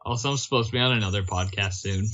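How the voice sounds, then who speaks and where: A man's voice: on the low side, racing, fairly bright tone. A young man from Canada, a guest on a casual podcast chat over a voice call, joking and self-mocking. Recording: dull lo-fi call audio.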